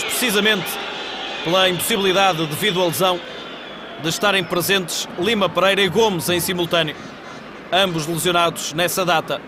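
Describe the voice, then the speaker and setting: A man with a European Portuguese accent giving live football match commentary in measured, descriptive phrases. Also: high voice. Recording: 1980s TV broadcast, loud stadium crowd noise. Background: football stadium crowd.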